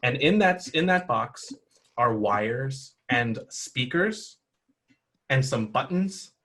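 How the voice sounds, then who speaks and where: A man's voice: medium pitch, a bit bright. A man running a tabletop role-playing game for children, explaining the rules patiently and encouraging the players. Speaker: game master.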